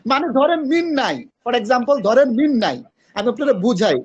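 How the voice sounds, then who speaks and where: Man, very high voice, patient grammar teacher, quizzes students, dull lo-fi audio. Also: big pitch swings, normal speed. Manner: patient, questioning students, mixes English terms. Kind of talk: online class explaining grammar.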